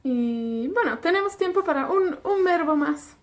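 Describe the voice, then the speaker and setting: A woman from Wales teaching a beginners' language class, patiently repeating each word slowly so learners can echo it. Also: very high voice, expressive.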